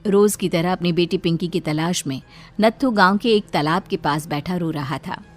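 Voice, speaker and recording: A woman's voice: fairly low pitch, moderate pace, faint music behind. A woman narrator reading a scripted children's story.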